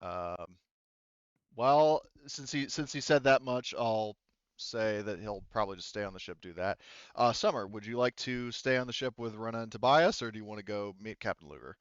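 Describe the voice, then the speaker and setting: A game master leads a tabletop roleplaying session over an online call, his delivery halting and meandering as he keeps revising what he's saying partway through. His voice is lowish and smooth. There is no echo, but the highs are cut off.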